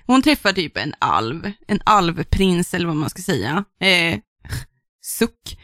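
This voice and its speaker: On a podcast about books, a young woman co-host rants in exasperation, swearing freely and laughing as she chats. Her lowish voice is very animated and fairly bright. The studio sound is clean, with no room echo.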